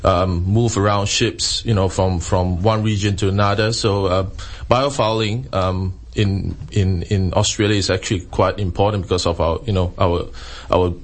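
A man speaking as an expert interview guest, explaining his research in a halting way with frequent pauses and hesitations. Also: low voice, fairly even intonation.

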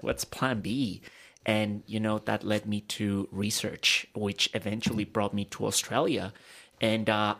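A man from Ecuador, speaking English, appears as a research guest on a radio interview. His voice is low and gravelly, and he talks in a relaxed, modest way.

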